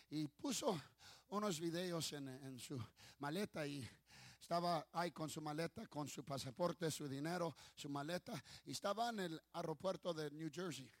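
A man's voice: fairly high pitch, dry recording. A man preaching as pastor of his ministry, fervent, calling for applause and telling stories with many restarts. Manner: storytelling with restarts. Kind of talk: sermon.

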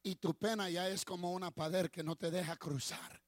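A male preacher delivering a sermon, swinging from quiet asides to shouted declarations and slipping into English phrases. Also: high voice, steady tone, normal speed, dry recording, studio quality. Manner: dramatic, slips into English phrases.

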